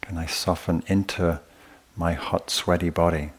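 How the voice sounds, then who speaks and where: A man leads meditation at a retreat in a low-sitting voice with a steady tone. His guided talk is gentle and unhurried, with frequent pauses between short phrases.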